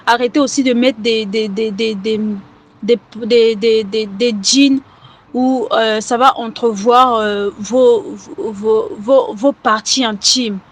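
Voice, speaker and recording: Earnest woman giving halting testimony. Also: fairly high pitch, steady tone. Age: adult with children. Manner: earnest, halting, repeats words often. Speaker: testimony giver. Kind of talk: personal testimony.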